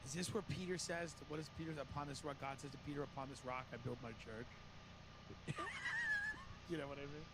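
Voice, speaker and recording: A man's voice: on the high side, fairly even intonation, very fast, hardly any pauses, heavy background noise. A man hosting casual comedic banter, teasing and jumping in with questions. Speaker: podcast host.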